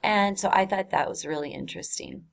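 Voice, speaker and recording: A woman's voice: mid-range voice, a little fast, creaky. A woman teacher explaining a text in a recorded online lesson, in a casual, chatty way with many fillers.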